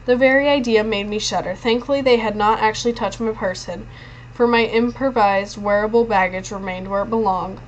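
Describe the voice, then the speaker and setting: A woman's voice: medium pitch, a little fast, dull audio, slight background noise. A woman reading a novel aloud in the first person, with frequent slips and restarts. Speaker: reader.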